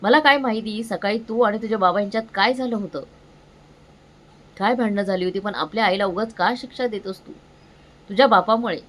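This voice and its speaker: A woman's voice: mid-range voice, a little fast, fairly bright tone, lightly acted. A tearful mother scolds her son for coming home late, her voice anguished and reproachful. The narrator, a woman, voices her. It is storybook reading rather than full acting. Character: tearful worried mother, middle-aged woman.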